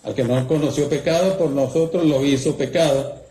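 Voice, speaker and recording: A man's voice: fairly high pitch, moderate pace, warm tone. A man preaching a campfire sermon, telling a story and asking rhetorical questions. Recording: roomy echo, faint background noise.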